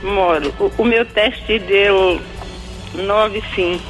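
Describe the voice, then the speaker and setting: A Brazilian woman with a Salvador accent calling in to a radio show, talking casually and haltingly, repeating words. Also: medium pitch, fairly even intonation, low-quality recording. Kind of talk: casual phone-in conversation. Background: music.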